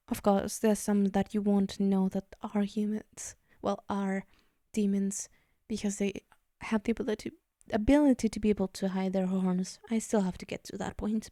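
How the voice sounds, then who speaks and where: In an ASMR roleplay, a woman with a natural, medium-pitched voice plays a powerful, possessive female demon. She teases and condescends in a softly menacing murmur that drifts into whispers, captured as a dry, studio-quality recording.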